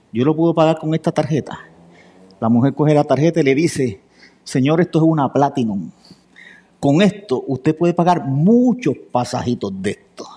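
A man preaching a sermon, telling a story and acting out each person's lines. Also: on the high side. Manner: lively storyteller acting out dialogue.

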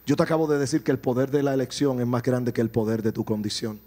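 A Puerto Rican man preaching a sermon, animated, swelling to shouts and dropping into joking asides. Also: medium pitch, fast. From Puerto Rico.

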